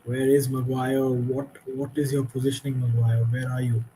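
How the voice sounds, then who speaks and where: A man's voice: medium pitch, little pitch movement, normal speed, warm tone, slight background noise, poor audio. A tired man hosting a late-night football watchalong, giving frustrated, critical reactions to the game as it happens. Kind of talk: live match commentary and reaction.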